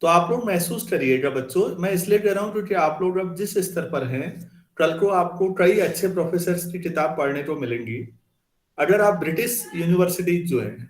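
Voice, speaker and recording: A male teacher lectures his class in an easy, conversational way and keeps asking whether the students follow. His voice sits a little high. The classroom gives it a noticeable echo. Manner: conversational, asks students questions. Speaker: math teacher.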